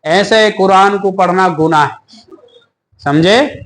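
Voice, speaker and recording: A man teaches the steps of prayer. His voice sits high and he talks slowly and deliberately. He recites verses with long pauses between phrases. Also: fairly bright tone. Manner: asks questions and answers them himself, recites slowly with pauses. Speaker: religious teacher. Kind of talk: step-by-step prayer lesson.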